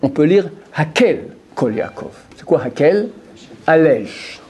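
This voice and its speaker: A man's voice: a little high, sing-song, slow pace, mellow, muffled recording, slight background noise. A man giving a Torah lesson to a group of men, repeating phrases and putting questions to his listeners. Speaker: Torah teacher.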